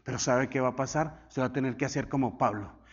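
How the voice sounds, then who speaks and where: A male pastor preaching a sermon, swinging from loud declarations to hushed asides and having the congregation repeat after him. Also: medium pitch, quick pace, slightly rough, lo-fi sound.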